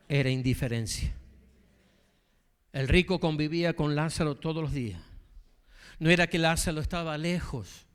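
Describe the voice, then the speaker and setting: A man's voice: fairly high pitch, smooth. A man preaching a sermon as pastor, asking the congregation questions and telling a story from his workplace. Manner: storytelling, addresses the congregation directly.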